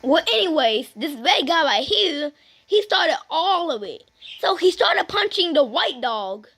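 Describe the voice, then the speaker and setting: A woman's voice: sits high, very animated, a little slow, noisy background, full character voice. A woman voicing a chatty puppet frog who rambles through a made-up story. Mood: storytelling. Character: chatty tall-tale-telling puppet frog. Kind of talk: puppet comedy.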